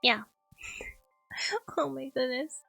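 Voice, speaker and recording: A woman's voice: sits high, takes it slowly, vocal fry, bright, forceful tone, dry recording, faint music behind, poor audio. A woman streaming a story game, chatting casually and reading its text aloud, giggling and tripping over words. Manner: giggly, trips over words and laughs at herself.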